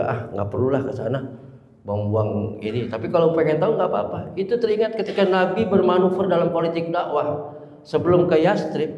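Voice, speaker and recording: A man's voice: fairly high pitch, a little mellow. A middle-aged Indonesian man giving an emotional, conversational sermon, often sighing in devotion. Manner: emotional, conversational storytelling with frequent sighs of devotion. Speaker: preacher. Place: mosque hall. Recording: roomy hall echo, dull lo-fi sound.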